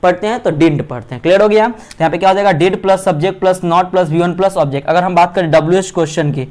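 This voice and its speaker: A man teaching English grammar, asking himself questions and slowly spelling out sentence structures. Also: high voice, darkish tone. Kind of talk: Hindi lecture on English grammar.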